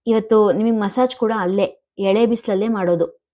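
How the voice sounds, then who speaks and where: A woman's voice: mid-range voice, fairly even intonation, normal speed, natural voice. A woman doing a caring young man. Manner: caring, gently questioning. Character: caring young man, attentive son figure.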